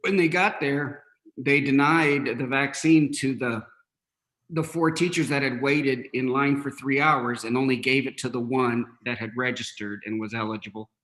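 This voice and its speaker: Halting man reporting at a board meeting. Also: medium pitch, fairly even intonation, a bit bright, poor audio. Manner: halting, many fillers and restarts. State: hiccups. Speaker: school district superintendent.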